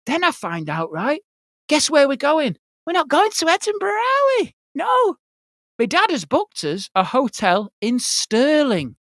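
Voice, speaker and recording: A woman's voice: high-pitched, wildly swooping pitch, measured pace, fairly bright tone, dry recording, studio quality. A woman podcast host telling a comic story in casual chat, acting out other people's lines and swearing freely.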